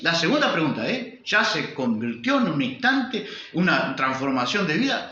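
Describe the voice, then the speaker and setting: A male pastor with a Uruguayan Spanish accent preaches a sermon emphatically, using repetition and rhetorical questions. His voice is fairly high, bright, and forceful. The recording sounds roomy, dull, and lo-fi.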